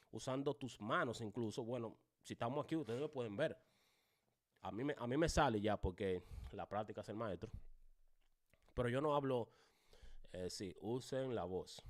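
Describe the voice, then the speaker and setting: Male pastor-teacher, lively classroom lecture, direct and demonstrative. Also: mid-range voice. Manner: animated, swings voice loud and soft for demonstration; addresses class directly, many rhetorical questions.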